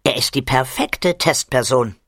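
A man's voice: mid-range voice, measured pace, gravelly, a bit bright, no room sound, clean studio sound. A man voicing an eager young girl in an audiobook. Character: eager girl, excited to bring a test subject.

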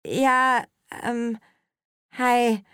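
A woman's voice: on the high side, steady tone, drawn-out words, a bit bright, clear, resonant tone, dry recording, clean studio sound, pitched above the performer's own voice. A woman voicing a shy fourteen-year-old schoolgirl who speaks hesitantly.

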